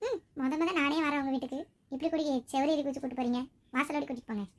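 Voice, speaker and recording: A woman performing several village characters in a comedy skit, bantering and scolding quickly. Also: sits high, steady tone. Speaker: sketch performer.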